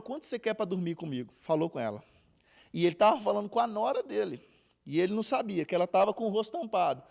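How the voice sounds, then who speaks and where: A Bible teacher, his voice set high for a man and roughened by gravel. His pitch leaps about as he retells the scripture in loose, everyday words. He often restarts sentences and asks whether his listeners follow. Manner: retells scripture in plain slang with frequent restarts; checks in with listeners. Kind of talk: casual Bible class teaching.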